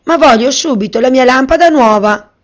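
A woman's voice: sits high, moderate pace, pitched above the performer's own voice, lightly acted. A woman voicing an eager, obliging young housekeeper in a raised voice. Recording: slightly muffled recording.

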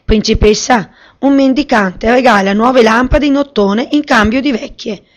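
A woman's voice: a little high, moderate pace, natural voice. A woman playing an eager young housekeeper. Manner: raised, eager voice. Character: eager young female housekeeper, quick and obliging. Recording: slightly muffled recording.

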